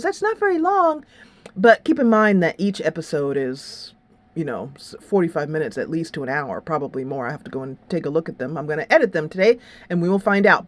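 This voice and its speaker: In a dry recording, a woman with a low-pitched voice hosts a gaming channel, casually reviewing a game and chatting about an upcoming series. Her talk rambles, with some dramatic rhetorical flourishes, over background music.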